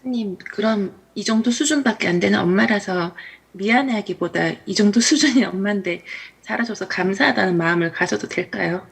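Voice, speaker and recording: A woman, a mother, asking a monk a question from the audience in a soft, hesitant way. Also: mid-range voice, a little fast, creaky, breathy edge.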